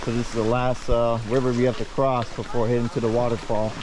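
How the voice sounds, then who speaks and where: A man's voice: medium pitch, little pitch movement, fast talker, very noisy. A man from Germany giving casual, slangy, joking vlog commentary to viewers outdoors on an action camera. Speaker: travel vlogger. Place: outdoors on a jungle waterfall trail.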